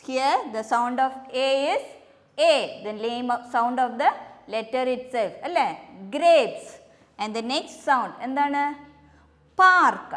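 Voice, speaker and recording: A kindergarten teacher with a Malayali English accent talks very slowly and patiently, spelling each word letter by letter and asking the children questions. Her voice sits high, and a long reverb trails behind it as if she were in a hall. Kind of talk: phonics lesson for young children.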